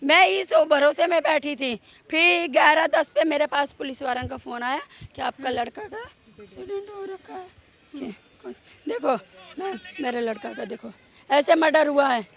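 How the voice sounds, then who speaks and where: Brief: high-voiced grieving mother, outdoor street interview, pleads for justice. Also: moderate pace, vocal fry, fairly bright tone. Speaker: victim's mother.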